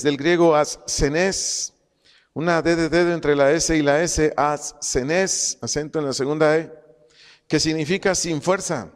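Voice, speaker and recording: A man leads a Bible study in a fairly high voice with a long reverb tail. He poses questions and answers them himself, repeats key phrases, and spells out Greek words.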